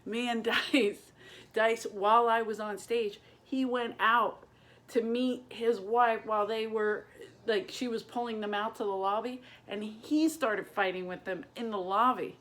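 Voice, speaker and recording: A woman's voice: a little high, a little slow. A woman stand-up comedian telling a story to her propped-up camera at home, casual and profane, acting out the voices of the people in it. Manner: profane, animated storytelling with acted-out quotes. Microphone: camera propped on boxes and books.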